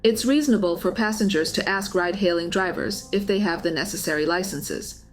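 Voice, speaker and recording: A woman's voice: lowish voice, brisk, soft background music. A woman reading a scripted documentary-style narration of a news story.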